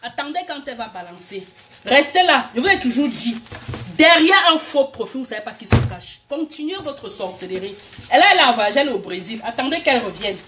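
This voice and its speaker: High-voiced woman in an angry rant. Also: sing-song, brisk, sharp tone, slight background noise. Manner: heated, accusatory, repeats herself. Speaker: vlogger. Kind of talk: angry direct-address rant.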